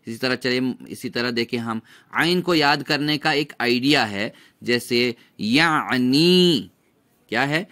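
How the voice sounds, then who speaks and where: A man teaching a recitation lesson, drawing out sounds slowly for students to repeat after him. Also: mid-range voice, pushed and bright. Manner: patient, drawn-out demonstration of sounds.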